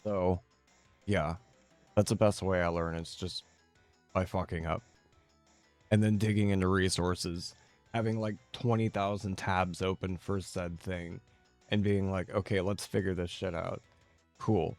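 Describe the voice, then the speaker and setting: A man chatting casually as a game streamer, answering viewers' questions in a laid-back, rambling and halting way. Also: low voice, little pitch movement, a little mellow, no echo, soft background music.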